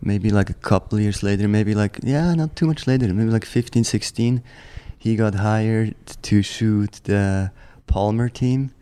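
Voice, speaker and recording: His lowish voice is smooth and measured, with hardly any pauses. The man, a professional snowboarder in his thirties from the German-speaking part of Switzerland, chats loosely as an interview guest, relaxed and rambling, with plenty of restarts and "like."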